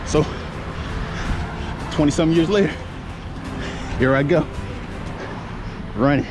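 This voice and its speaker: A man's voice: a little high, takes it slowly. American man chatting on a run, music behind. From United States. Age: 40s. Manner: laid-back, rambling, talking while jogging. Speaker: running vlogger. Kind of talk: casual vlog chat while running. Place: outdoors, on a run. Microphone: handheld action camera. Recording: action camera outdoors with music behind.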